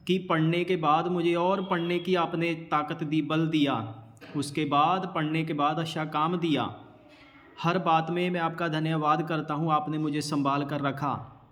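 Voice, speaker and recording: Slow-preaching pastor in a reverberant hall. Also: male voice, on the high side. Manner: slow, deliberate preaching with rhetorical questions. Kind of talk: sermon.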